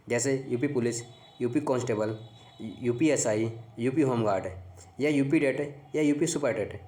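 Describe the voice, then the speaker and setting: A man teaching a Hindi grammar lesson for exam preparation. He often repeats key points back as questions to the viewer and talks in a halting way, with frequent restarts. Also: mid-range voice, darkish tone. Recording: echoey room.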